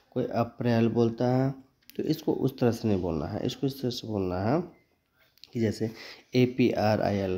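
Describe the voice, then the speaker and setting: This man, an English teacher, has a warm, medium-pitched voice. In his spoken English pronunciation lesson he goes slowly and deliberately, spelling out words letter by letter and mixing Hindi with English.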